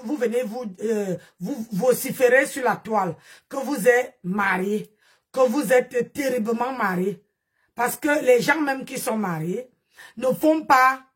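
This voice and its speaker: A woman's voice: high-pitched, breathy edge. A woman, ranting mockingly during a live stream, scolding and exclaiming while nursing a strained voice. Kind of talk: live-stream gossip rant.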